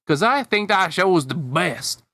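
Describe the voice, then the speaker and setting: Man doing a high eager cucumber kid, slow gushing delivery, storybook voice, dry sound. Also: expressive, bright, forceful tone, dry recording, heavily acted. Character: small excitable boy cucumber, wide-eyed. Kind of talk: storybook voice acting.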